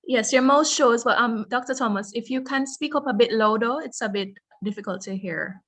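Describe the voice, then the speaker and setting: Female moderator on a video call; courteous, gently prompting tone. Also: a little high, moderate pace. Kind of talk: online meeting moderation.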